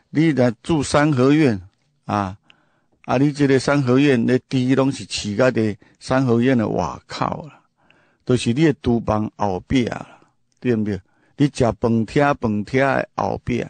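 A man's voice: mid-range voice, dry recording. A man who grew up speaking Hakka hosts a casual storytelling monologue. He talks emphatically, asks the listener many rhetorical questions, and repeats and restarts his phrases. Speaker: host.

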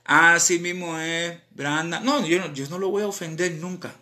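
A man with a Cuban accent, a rapper chatting casually on a live stream in animated, slang-filled talk. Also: a little high, moderate pace. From Cuba.

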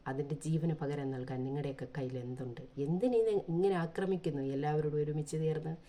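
A woman's voice: sits low, fairly even intonation, quick pace, warm tone. A woman from Kerala delivering an impassioned opinion vlog, pleading earnestly and asking rhetorical questions. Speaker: vlogger.

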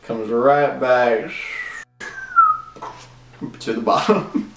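A man's voice: medium pitch, steady tone, very slow, creaky, heavy background noise. A young man, a reality show contestant, rambling in exasperation in a confessional. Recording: roomy, distant mic.

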